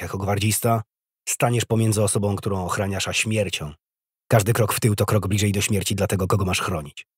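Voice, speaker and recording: A man's voice: low-pitched, breathy edge, no room sound. A man voicing a cold, commanding young prince who speaks curtly with dry authority.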